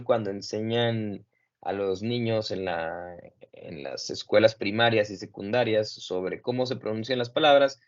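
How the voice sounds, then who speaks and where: A man teaching English in Spanish over a video call, patiently modeling each word slowly and clearly for his students. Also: mid-range voice, muffled recording. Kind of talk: online class correcting pronunciation.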